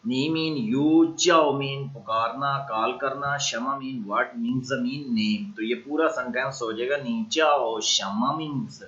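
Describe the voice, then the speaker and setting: A man's voice: medium pitch, measured pace, few pauses, sharp tone, dull audio. A man teaching a recorded language lecture who says each new word several times and spells it out. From Pakistan.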